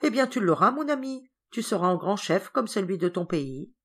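A woman voicing a lively, brisk governess who chides and teases in a storybook reading. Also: medium pitch, breathy edge.

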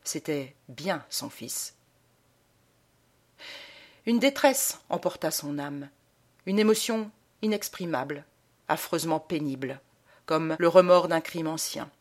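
A woman reading a short story aloud in a measured, dramatic way. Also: low-pitched. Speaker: narrator.

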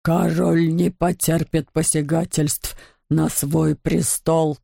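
A woman voicing a towering, haughty male fairy creature with a booming, echoing voice and slow, commanding speech. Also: level tone, creaky, warm tone, clean studio sound, heavily acted. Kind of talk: audiobook narration.

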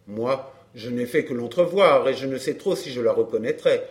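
A man's voice: mid-range voice, expressive, normal speed, natural voice. A man playing a brash, chatty flirt. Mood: glib. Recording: roomy echo.

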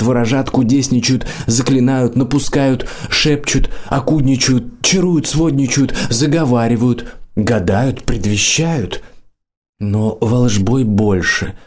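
A man voicing a young forest sorcerer who speaks earnestly and pleadingly, pitched up from his own voice. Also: steady tone, unhurried, a little mellow, close to an everyday voice.

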